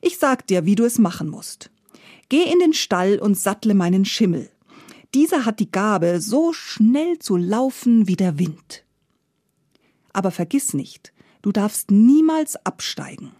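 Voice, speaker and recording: A woman's voice: medium pitch, sing-song, unhurried, warm tone, dry recording, studio quality. A woman voicing a kindly old man who murmurs warnings, half in a whisper. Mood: murmuring.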